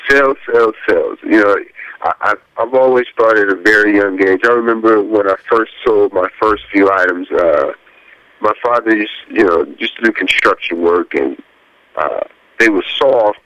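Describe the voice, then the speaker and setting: A man from Chicago answering radio interview questions in a hesitant, halting way with many fillers. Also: fairly low pitch, a bit bright, dry recording, low-quality recording. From Chicago, USA. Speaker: guest, graphic designer.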